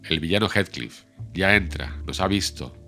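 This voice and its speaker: A man reading the lines of a proud, fiery young woman in an audiobook, sharp and imperious. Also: deep voice, animated, normal speed, faint music behind. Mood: furious.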